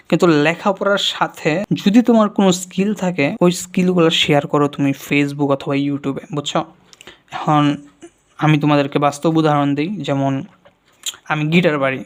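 A young man, giving earnest, casual vlog advice and talking quietly to his viewers. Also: a little high. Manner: earnest, talks straight to viewers; speaks quietly at night. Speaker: YouTuber.

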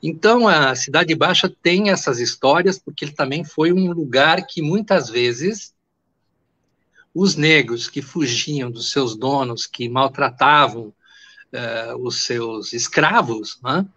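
An older man in his sixties hosting a video call, telling local history in a digressive way and pausing to search for names. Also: mid-range voice, sharp tone. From Porto Alegre, Brazil. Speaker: host and history teacher. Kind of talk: conversational history talk. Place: indoors, home room. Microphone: video call webcam. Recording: muffled video call audio.

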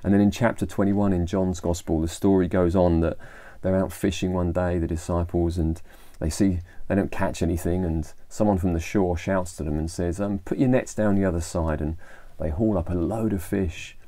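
A man's voice: sits low, fairly even intonation, moderate pace, hardly any pauses, warm tone, dry recording. An English man giving an informal devotional talk, retelling a Bible story in a conversational way with fillers and restarts. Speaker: church leader.

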